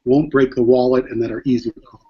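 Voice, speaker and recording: A man's voice: medium pitch, flat delivery, quick pace, breathy edge, muffled recording. A man speaking for a grocery chain's seafood side, talking steadily and practically in a panel discussion.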